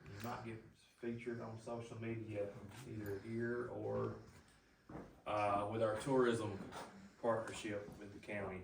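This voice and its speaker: A man's voice: fairly low pitch, level tone, a little slow, creaky. A man with a Southern US accent working as a cave tour guide, talking informally to visitors in a folksy, joking manner. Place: inside a limestone cave. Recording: echoing cave, distant mic, noisy.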